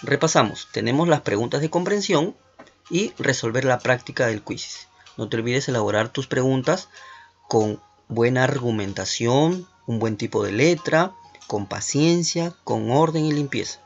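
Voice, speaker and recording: A man teaches an online class to children with a husky, slightly breathy voice. He is encouraging and keeps checking in with short questions. The recording is dull and lo-fi, with faint music behind him. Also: mid-range voice, animated, normal speed. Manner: encouraging, asks many questions with tag "¿no?".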